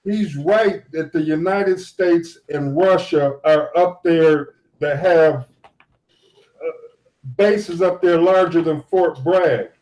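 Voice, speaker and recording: A man on a phone call arguing in a hesitant, halting way. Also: a little high, darkish tone. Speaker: prank caller. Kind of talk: debate over the phone.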